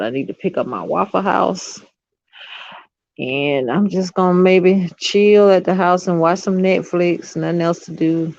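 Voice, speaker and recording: A woman hosting a casual livestream, chatting directly to her viewers and often letting her sentences trail off softly. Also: low voice, no echo, dull audio. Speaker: livestream host.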